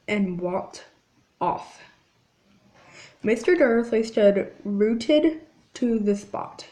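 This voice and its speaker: Woman, slow reading, stops and restarts, mid pitch, book read aloud. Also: darkish tone. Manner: halting reading with frequent restarts. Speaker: channel host reading aloud.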